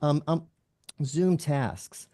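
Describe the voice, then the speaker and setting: A man on a tech analyst panel who talks with animated energy and acts out what others said. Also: fairly high pitch, very slow. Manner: animated, acts out quotes with rising excitement. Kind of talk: casual panel discussion.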